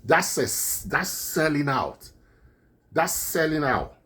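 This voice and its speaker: A man's voice: on the high side, very animated, takes it slowly, sharp tone, husky. A man with a non-native accent in English, giving indignant political commentary on his own vlog and repeating his points. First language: not English.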